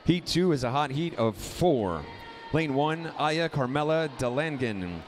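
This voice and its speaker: Male swim meet announcer, slightly higher voice, brisk roll-call delivery, faint noise behind. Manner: rapid lane-by-lane roll call, rising excitement on close finishes.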